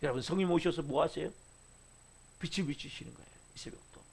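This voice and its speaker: A middle-aged male pastor preaching a dawn-service sermon, firing rhetorical questions at the congregation and dropping from loud urging to hushed lines. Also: fairly high pitch, fast talker, vocal fry, husky.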